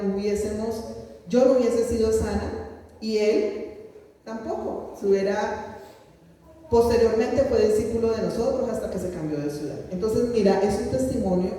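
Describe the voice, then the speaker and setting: A woman's voice: mid-range voice, dark tone, a little hiss or hum. A woman guest pastor preaching a sermon and telling a personal testimony, acting out the voices of the people in her story. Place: church hall. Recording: echoey hall from far off.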